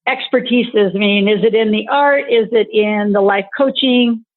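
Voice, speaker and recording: A woman hosting a podcast interview, talking in a brisk, upbeat presenter manner. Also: mid-range voice, no room sound. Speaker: podcast host. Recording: tinny phone line, dry, faint music behind.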